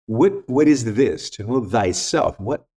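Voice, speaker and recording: A husky, dark, medium-pitched voice with lively intonation and a measured pace comes from a middle-aged podcast guest who grew up speaking Greek. He reflects and tells stories conversationally, sounding earnest and emphatic as he repeats key points.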